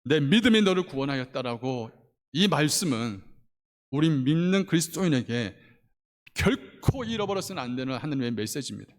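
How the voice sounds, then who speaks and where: A middle-aged man from Korea preaching a sermon as pastor, swinging from loud passionate appeals to hushed storytelling. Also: medium pitch, very animated, normal speed. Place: church sanctuary. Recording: long church hall reverb.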